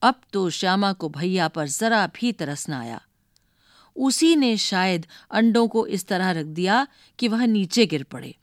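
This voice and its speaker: Brief: woman narrator for a storybook read-aloud, measured and unhurried, higher voice, dry close mic. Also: animated, no echo. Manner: measured, reads page numbers aloud.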